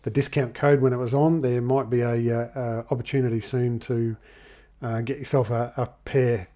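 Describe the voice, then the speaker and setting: An Australian man hosting a casual podcast interview, speaking in a hesitant, halting way. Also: mid-range voice, little pitch movement, warm tone. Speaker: podcast host.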